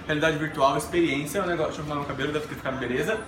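A man's voice: a little high, steady tone, very fast, noisy background. A man hosting a casual vlog interview, chatty and informal, prompting a guest with questions. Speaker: vlog host. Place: busy indoor airport. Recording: roomy airport sound with clear music behind.

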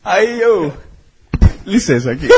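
High-pitched animated man telling a story. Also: heavy background noise. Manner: animated storytelling, laughs often, swears freely. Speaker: podcast guest telling a story. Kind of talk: casual chat.

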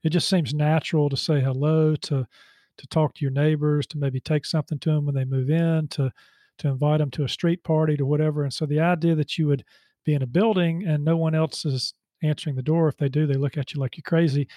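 A man hosting a radio interview, speaking in a measured, halting way with many fillers. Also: a little high, fairly even intonation, dark tone, no echo, studio quality. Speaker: radio host.

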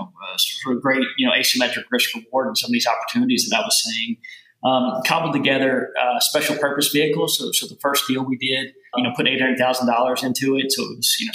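A man in his forties with a Southern Kentucky accent, talking casually as an interview guest, halting and full of filler words. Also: medium pitch, bright, forceful tone. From rural Kentucky. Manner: halting, heavy use of "you know" fillers and repeated words. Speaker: venture capital guest. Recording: roomy echo.

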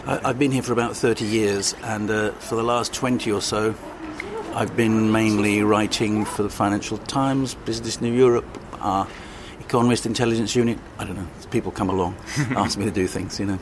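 An older man who has worked as a journalist for many years is a guest answering interview questions, hesitating with many pauses and restarts and a wry edge. His voice is on the low side with a steady tone, and the background is noisy.

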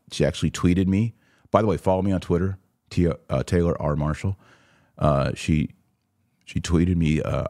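This podcast host, an American man in his forties, responds to listener comments in a casual chat aimed directly at the audience. His warm voice sits low, recorded in studio quality with no room sound.

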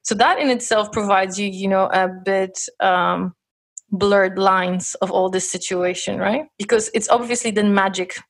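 A woman's voice: medium pitch, steady tone, unhurried. A woman co-hosting a podcast, talking through a legal topic in a thoughtful, hesitant way with many fillers. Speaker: podcast co-host. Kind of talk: casual expert discussion.

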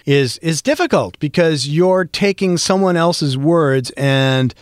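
Middle-aged male guest, chatty storyteller, slightly high voice, dry recording. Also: slow pace, no echo. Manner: animated, storytelling, frequent restarts. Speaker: podcast guest, voice actor. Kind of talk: casual conversation.

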